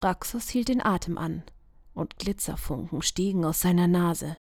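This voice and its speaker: A woman narrating a fantasy story for children in an expressive storybook style. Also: on the low side, normal speed, dry recording, clean studio sound.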